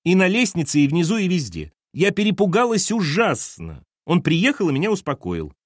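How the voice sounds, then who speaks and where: A man putting on a shrill, nervous young pregnant woman. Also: wildly swooping pitch, normal speed, no echo, studio quality, heavily acted. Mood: desperate. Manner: shrill, cries out in desperation.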